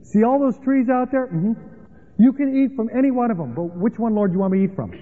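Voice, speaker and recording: A fretful, puzzled Adam who pesters over every small choice, put on by a preacher in a sermon skit. The voice sits high and rises higher with each anxious question. It comes through thin and phone-like, with a long hall echo trailing behind. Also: male voice, animated, fast talker.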